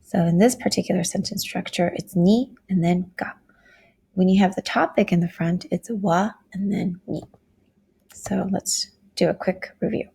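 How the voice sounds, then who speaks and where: Woman, Japanese teacher, very gravelly and raspy voice, patient step-by-step explainer. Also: fairly low pitch, steady tone, mellow. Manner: explains step by step, slows down to model Japanese phrases. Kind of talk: classroom lecture video.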